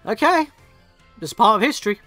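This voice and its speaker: A man's voice: high-pitched, very animated, a little fast, bright, forceful tone, no echo, faint music behind. A man giving chatty, casual commentary on a video game as he plays, reading text aloud and reacting to it. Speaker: let's play streamer.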